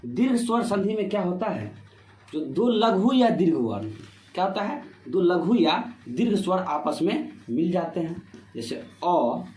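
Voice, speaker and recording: A man teaching Hindi grammar for board exams, asking himself questions and filling with "ठीक है" as he explains step by step. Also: sits high. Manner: repetitive rhetorical questions, "ठीक है" fillers. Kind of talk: board-exam grammar lesson. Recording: echoey room with faint noise.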